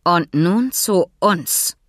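A woman reading an audiobook, voicing a loud, choleric, heavyset male horse owner who blusters and growls. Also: lowish voice, drawn-out words, dry recording, clean studio sound. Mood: menacing. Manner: explosive shouting, then dangerously calm.

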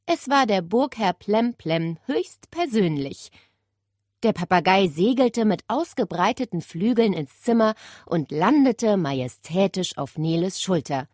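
A woman narrating a children's story in a lively, expressive reading. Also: medium pitch, unhurried, dry recording, studio quality.

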